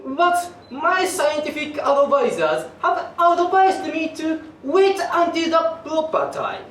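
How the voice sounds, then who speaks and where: A woman's voice: high-pitched, sing-song, slow, slight background noise, exaggerated voice. A young woman playing a pompous, bossy king in a student stage play, making grand, commanding declarations. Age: young adult. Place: theater stage. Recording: echoey hall from far off.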